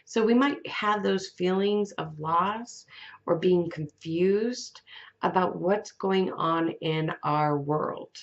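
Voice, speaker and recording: Slow, gentle woman reading tarot. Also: fairly low pitch, muffled recording. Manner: slow, gentle, with fillers and restarts. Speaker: tarot reader.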